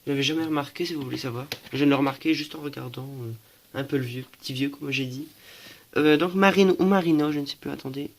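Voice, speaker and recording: A man's voice: a little high, fast talker. Young man, hesitant collection show-and-tell. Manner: hesitant, many fillers and self-corrections. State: stuffy, coughing. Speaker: collector showing items.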